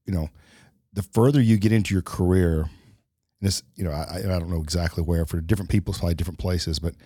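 A man's voice: deep voice, fairly even intonation, quick pace, dark tone, breathy edge, no room sound, clean studio sound. A middle-aged man talking reflectively in a casual podcast conversation, with many fillers and restarts. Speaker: podcast co-host.

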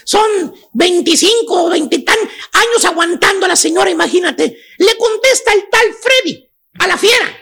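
A shrill, piercingly high radio professor, with a gravelly rasp under every word. He preaches at his co-hosts in crude slang, shouting his points as a radio comedy bit. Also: lively intonation, moderate pace, full character voice. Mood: ranting. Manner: lecturing rant full of slang, frequently shouting. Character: ranting middle-aged male radio professor, crude and preachy. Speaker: comedy character on a radio show.

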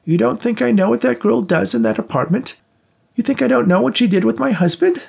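A man voicing a spiteful, murderous old woman with a shrill, scolding voice in an audiobook. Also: fairly quick, gravelly, darkish tone, husky, heavily acted. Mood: shrieking.

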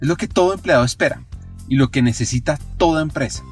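A man hosting a podcast, reading scripted narration in a clear, measured way. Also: fairly high pitch, soft background music. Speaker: podcast host.

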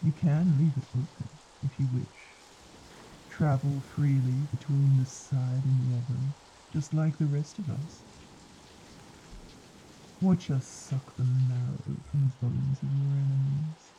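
An actor playing a sly, mocking male spirit that speaks as a disembodied voice, teasing and smooth. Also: medium pitch, fairly even intonation, unhurried, mellow, slight background noise, rough recording. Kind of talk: audio drama acting.

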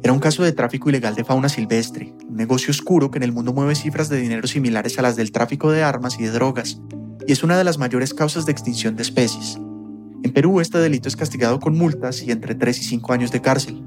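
A man narrating a documentary podcast at a brisk clip, his voice sitting at a middle pitch. He reads a script with a measured, storytelling delivery. Faint music plays underneath.

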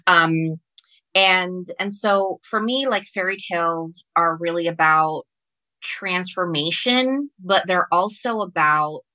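Her voice sits on the low side, pushed and bright, captured in a dry, low-quality recording. She's a woman from Ecuador with Spanish as her first language, speaking non-native English as a guest author in a casual, story-filled podcast interview. She speaks haltingly, repeating phrases and correcting herself.

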